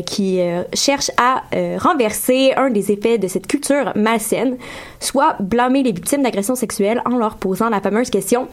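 A woman hosts a casual radio chat. She keeps a playful tone, introducing topics and throwing in dry sarcastic asides between questions. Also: on the high side. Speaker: radio show host.

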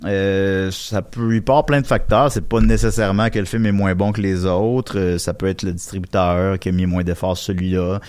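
Casting: Quebec-accented male podcast host, low-pitched, loose and rambling. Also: steady tone, moderate pace, hardly any pauses, a little mellow, smooth, no room sound. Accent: Quebec French. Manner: rambling, many fillers and restarts. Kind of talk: casual chat about box office.

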